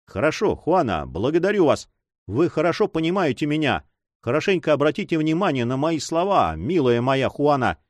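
A man's voice: a little high, very animated, normal speed, no echo. A man voicing a secretive young man in love in his own voice, earnest, reassuring and insistent.

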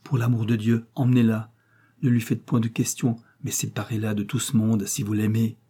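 A shaken young man in a read-aloud novel, voiced by a male narrator, giving orders low and hushed. The voice is husky and dark. He sounds urgent and tightly controlled. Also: flat delivery, moderate pace.

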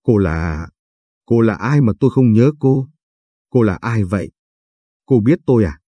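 A man's voice: lowish voice, expressive, measured pace, dark tone, no echo. A man reading the lines of a frightened, confused old woman patient who pleads and stammers. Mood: pleading.

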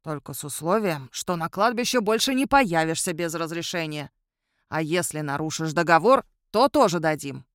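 A woman's voice: deep voice, lively intonation, moderate pace, a bit bright, no echo, studio quality, voice pushed down. A woman voicing an older male cemetery caretaker who scolds bluntly, as in an audiobook. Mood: gruff. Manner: gruff and scolding. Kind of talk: audiobook narration.

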